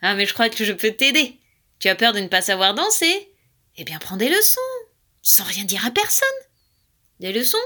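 A woman's voice: medium pitch, very animated, normal speed, long pauses, pushed and bright. A woman playing a sly chattering magpie. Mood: coaxing. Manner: coaxing, sly.

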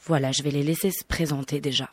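A woman's voice: low-pitched, fairly even intonation, quick pace, dry recording. A woman who leads a writing workshop presents it on the radio, speaking hesitantly with many fillers.

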